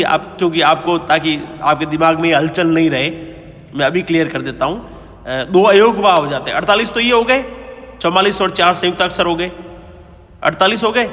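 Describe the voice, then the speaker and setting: A man's voice: high-pitched, a bit bright, long reverb tail. A man teaching Hindi grammar in a lecture, explaining patiently and often checking in with his students. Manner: explains patiently, keeps asking "है ना?" and "ठीक है?". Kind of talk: classroom-style grammar lecture.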